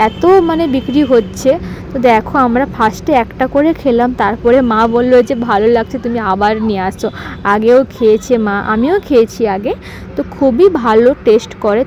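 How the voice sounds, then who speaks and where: A woman vlogger with a hoarse voice, talking softly and chatting straight to her viewers in a casual voice-over. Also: on the high side, dull audio, a little hiss or hum. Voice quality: soft-spoken. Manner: chatty, addresses viewers directly.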